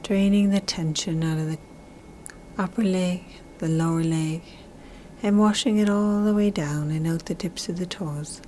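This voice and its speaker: A woman guiding a relaxation meditation in a soft, soothing, breathy half-whisper, with slow, drawn-out, repetitive phrasing. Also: lowish voice, fairly even intonation, a little hiss or hum, rough recording. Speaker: relaxation guide.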